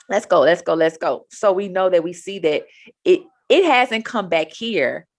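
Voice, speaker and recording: Casting note: low-pitched woman in her thirties, chatty lesson host who keeps checking in with the viewer. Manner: chatty, repeats "right?" to the viewer. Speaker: trading educator. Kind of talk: casual screen-share trading lesson.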